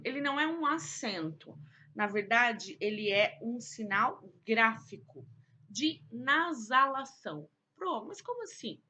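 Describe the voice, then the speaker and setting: Brazilian woman teacher, bright tone, coaxes kids with questions, faint hiss behind. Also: on the high side. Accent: Brazilian Portuguese. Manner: affectionate, coaxing, asks and answers her own questions. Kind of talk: recorded online lesson for children.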